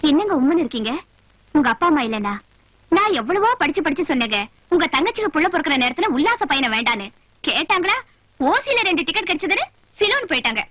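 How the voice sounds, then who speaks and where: An actress playing a witty, sharp-tongued wife who teases with sarcastic remarks, heard on a dry old film soundtrack. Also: female voice, high-pitched, big pitch swings, quick pace, no echo. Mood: teasing. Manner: teasing, sarcastic. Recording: dry 1980s film soundtrack with faint music.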